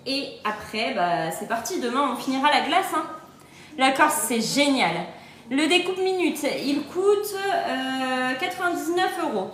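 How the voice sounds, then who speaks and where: A woman's voice: high voice, expressive, unhurried, fairly bright tone, reverberant, slight background noise. A woman working as a kitchen-appliance sales adviser, chatting casually and cheerfully on a phone livestream and answering viewer comments. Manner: chatty and upbeat, often laughing. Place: on holiday, recorded in an echoey spot.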